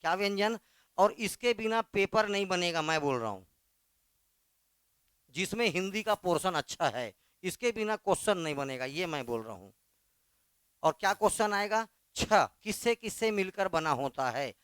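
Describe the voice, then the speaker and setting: Chhattisgarhi hindi tutor guy, high voice, asks the class then answers it himself, dry room. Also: expressive, fairly bright tone, clean tone, no echo. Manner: quizzing questions then answering them; slow, emphatic spelling out of letters. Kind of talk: classroom lesson.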